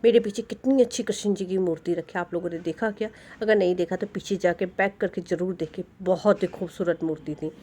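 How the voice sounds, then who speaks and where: A woman's voice: fairly low pitch, fairly even intonation, a little fast, hardly any pauses, mellow, a little hiss or hum. A woman vlogging outdoors at a market in the evening. She talks in a chatty, enthusiastic way into a handheld phone and sprinkles English words into her talk. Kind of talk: casual vlog narration.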